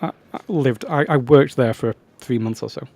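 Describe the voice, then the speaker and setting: A man's voice: mid-range voice, moderate pace, darkish tone. Rambling male strategy-game commentator. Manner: rambling, self-interrupting, chatty asides. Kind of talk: casual gameplay commentary.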